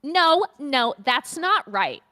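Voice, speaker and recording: A woman's voice: high-pitched, sing-song, slow, bright, forceful tone, full character voice. A woman voicing a bubbly, evasive valley-girl witness with sassy, defensive retorts, playing a game with friends.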